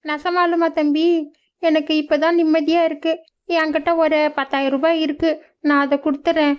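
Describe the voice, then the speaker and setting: A worried older village mother in a cartoon, pleading through tears, as a woman puts her on. Her voice sits high and strained. The sound is dull and lo-fi. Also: level tone, moderate pace, natural voice. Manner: pleading, tearful. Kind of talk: cartoon voice acting.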